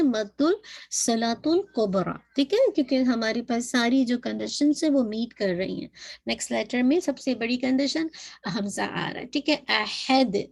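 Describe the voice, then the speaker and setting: A woman teaching Quran recitation, drawing out words slowly as she demonstrates them and mixing English terms into her explanations. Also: fairly high pitch, gravelly.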